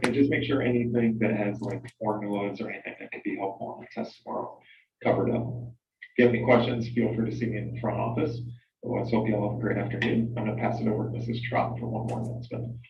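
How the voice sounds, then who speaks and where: A man's voice: lowish voice, steady tone, fast, slight background noise. A man from the school staff making announcements over the school intercom in a plain, informative way. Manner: plain, informative, with occasional fillers. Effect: school intercom loudspeaker. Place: classroom. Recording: roomy, muffled loudspeaker heard from far off.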